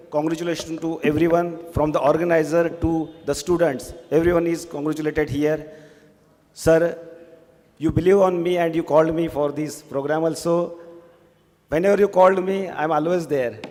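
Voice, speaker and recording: High-pitched Indian man speaking in a hall. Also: a little mellow. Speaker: guest speaker at a ceremony. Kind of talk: congratulatory public speech. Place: large hall at a college function. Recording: echoey hall with faint crowd.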